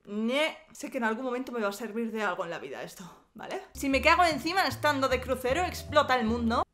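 Joking young Spanish woman, bright voice. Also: a little high, lively intonation, quick pace. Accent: Spain Spanish. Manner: joking, swears often, jumps between silly voices. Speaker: YouTuber. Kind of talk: casual Q&A vlog.

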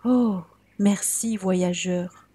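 A woman voicing a stunted, sickly tree that speaks in a thin, breathy whisper. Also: mid-range voice, extremely slow, mellow. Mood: grateful. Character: frail, stunted, sad tree.

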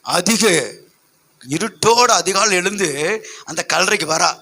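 High, bright-voiced preaching pastor. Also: male voice, a little slow, vocal fry. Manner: emphatic preaching, rhetorical questions to the congregation. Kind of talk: sermon.

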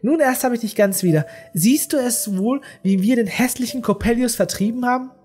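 A narrator voicing a gentle, sorrowful young woman in a classic audiobook, speaking earnestly with a raised voice. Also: mid-range voice, animated, fairly quick, slightly rough, soft background music, voice pushed up. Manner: raised voice, soft and earnest to sobbing. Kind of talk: audiobook character reading.

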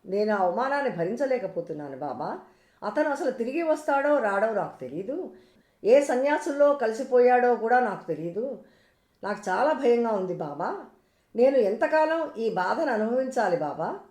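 A woman's voice: a little high, expressive, moderate pace, a little mellow, lightly acted. A woman reading as a pleading, grief-stricken wife. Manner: tearful, pleading. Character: grieving young wife, childless and pleading. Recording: roomy echo.

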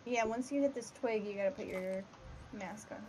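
A woman's voice: medium pitch, normal speed, dark tone. A woman streaming a co-op survival game with friends, giving directions and laughing as they go. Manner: directs the group, calls out routes and laughs. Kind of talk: casual co-op gaming chat. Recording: gaming mic with clear background noise.

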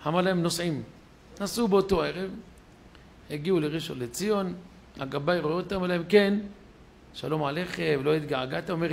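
A rabbi delivers a storytelling sermon in a synagogue, acting out each character's lines with animation. His voice sits a little high and has a gravelly edge. Faint noise hangs behind him.

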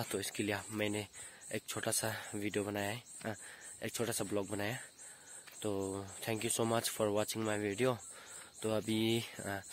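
A young man narrates a relaxed tour of his farm, naming each plot in turn in a low, even voice that barely rises or falls. He films outdoors on a phone held at arm's length, with faint outdoor noise behind him. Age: young adult. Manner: plain, unhurried, points things out one by one. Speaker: farm vlogger. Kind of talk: casual walking tour narration. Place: hillside vegetable farm outdoors.

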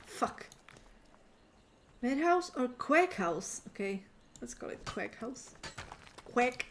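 Slow, playful woman streamer chatting. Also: on the high side, sing-song, slight background noise. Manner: playful, teasing, talks to chat. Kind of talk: casual live-stream chat while gaming.

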